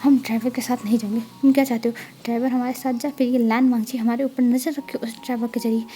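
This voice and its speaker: A woman's voice: on the high side, level tone, fast talker, dark tone, slight background noise, lightly acted. Woman telling a story as a teasing young woman doctor. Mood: insistent. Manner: playful, teasing.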